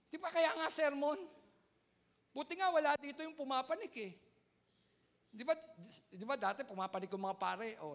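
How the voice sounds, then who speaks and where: High, bright-voiced preaching man. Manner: emphatic, repetitive preaching with rhetorical questions. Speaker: pastor. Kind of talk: Tagalog sermon.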